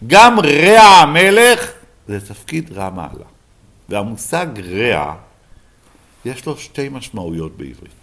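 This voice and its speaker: Lively rabbi quizzing his class. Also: mid-range voice. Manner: questions the class and answers himself. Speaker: rabbi teaching a Bible class. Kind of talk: Bible lesson to a live class.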